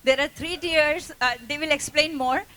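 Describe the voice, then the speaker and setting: A woman speaks very slowly into a stage mic, her voice pitched high. She praises a team with real enthusiasm and asks the crowd for applause. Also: a bit bright, rough recording. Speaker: speaker introducing a cricket team. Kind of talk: onstage announcement.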